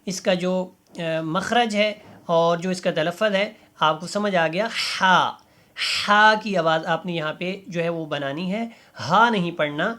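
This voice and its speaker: A man teaching a Quran reading lesson, drawing out each letter slowly and then explaining how to pronounce it, asking learners to repeat after him. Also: high voice, pushed and bright. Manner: slow drawn-out letter recitation between explanations; patient instructive tone, asks learners to repeat. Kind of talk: step-by-step recitation lesson.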